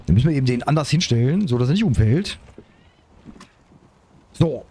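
A man commenting on his own survival game play, excitable, talking to himself and his viewers. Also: medium pitch, normal speed, slightly rough. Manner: excitable, talks to himself and viewers, frequent exclamations. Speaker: gaming YouTuber.

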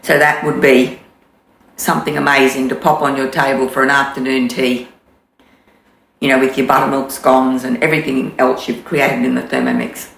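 A woman's voice: rumbling low, little pitch movement, gravelly, a bit bright. A woman in her sixties with an Australian accent, casually demonstrating a recipe in her home kitchen with lots of ums. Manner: chatty, unhurried, many ums and restarts. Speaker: cooking demonstrator. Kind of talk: casual cooking demo. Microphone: camera in front, mid distance. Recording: echoey kitchen, faint background noise.

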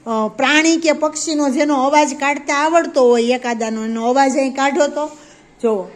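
A high-voiced woman teaches a preschool class at a moderate pace, asking the children questions and praising what they answer. Faint background noise can be heard.

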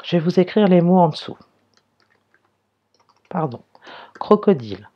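In a slow, careful reading lesson, a primary school teacher sounds out and spells words one at a time for young pupils. The voice is medium-pitched and animated, and the audio is lo-fi.

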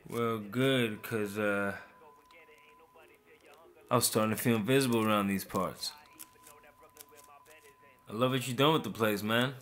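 A man's voice: fairly low pitch, unhurried, pauses often, fairly bright tone. A man in a short film, trading sardonic, profane banter and narrating in voice-over.

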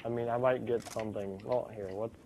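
A young man chatting casually and excitably while playing a game, swearing now and then. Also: mid-range voice, brisk, noisy background. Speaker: gamer. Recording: loud game gunfire behind.

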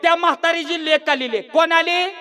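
High, bright-voiced man shouting at a crowd. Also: moderate pace. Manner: shouting, teasing the audience, call-and-response. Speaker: bharud performer. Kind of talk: comic folk sermon to a live crowd.

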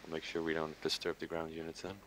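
Low-voiced man chatting as pilot. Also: monotone, fast, a bit bright, low-quality recording. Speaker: military sim pilot. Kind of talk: casual gaming chat with some radio calls. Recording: voice chat with faint background noise.

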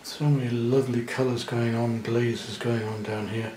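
A man demonstrates a watercolour painting in his studio, speaking in a relaxed, chatty way as he works. His voice is mid-pitched and carries a noticeable room echo. A faint background hum sits beneath him. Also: moderate pace. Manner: gentle, chatty, thinking aloud while painting. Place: indoor studio at the easel.

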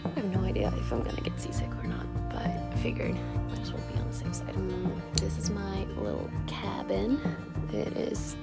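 This young woman's voice is medium-pitched and gravelly, moving at a moderate pace with big pitch swings. She vlogs casually and upbeat on a sailing boat, cabin and open deck, using lots of fillers, phone at arm's length and music playing underneath.

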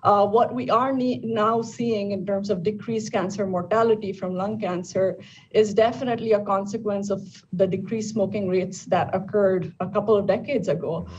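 In a bright room at home or the office, a woman in her thirties who treats lung cancer joins a live news interview by video call and explains things carefully, often saying "um." Her tone is steady and darkish at a medium pitch. The call audio is distant and dull, with a faint hum of room noise.

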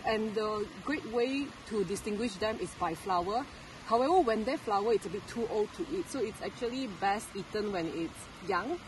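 A young woman vlogs casually outdoors in woodland by a stream, chatting and explaining as she walks. She holds the camera at arm's length. Her medium-pitched voice comes at normal speed over a noisy background.

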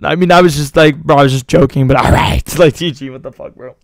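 A man's voice: a little high, quick pace, no room sound. A young man streaming live, rambling casually to his chat in slangy talk, his voice a little worn out.

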